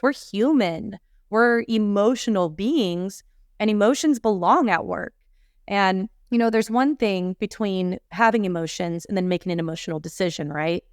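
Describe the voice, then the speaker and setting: A woman's voice: mid-range voice, clear, resonant tone, no echo, studio quality. A woman leadership coach in her thirties, telling candid, reflective stories in a podcast interview.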